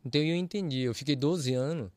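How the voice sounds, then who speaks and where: A man's voice: a little high, fast, no echo. A man, a church audio ministry leader, telling his testimony as a guest in a casual way and acting out both sides of each exchange. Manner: lively, acts out both sides of dialogues.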